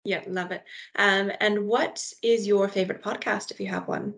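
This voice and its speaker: Enthusiastic woman with a gravelly edge. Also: mid-range voice, steady tone, fairly bright tone. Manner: enthusiastic, quick affirmations. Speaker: podcast co-host. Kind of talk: casual interview chat.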